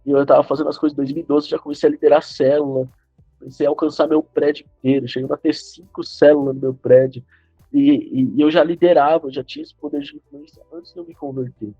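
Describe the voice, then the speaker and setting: Husky, gravelly Brazilian man. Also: on the high side, quick pace, dark tone, no room sound, faint music behind. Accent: Brazilian Portuguese. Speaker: podcast guest. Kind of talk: casual podcast chat. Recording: dull lo-fi sound.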